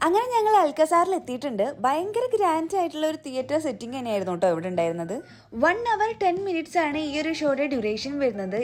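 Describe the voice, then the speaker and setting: A woman narrating a travel vlog in a chatty way, mixing English words into Malayalam. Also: high-pitched. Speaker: travel vlogger. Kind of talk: scripted vlog voice-over narration.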